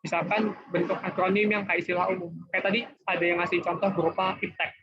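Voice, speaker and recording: A man's voice: high voice, little pitch movement, fast, a little hiss or hum. A young man with a casual manner, teaching an online class in a chatty, way. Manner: chatty, informal, often says guys and gitu. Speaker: tutor. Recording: dull lo-fi online class audio.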